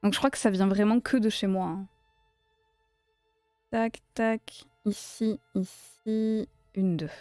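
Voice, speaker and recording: A woman's voice: mid-range voice, fairly even intonation, slow, pauses often, mellow, no echo, faint music behind. A woman from south-west France with a south-west French accent, chatting casually and playfully on a crochet live stream and laughing often as she answers her chat.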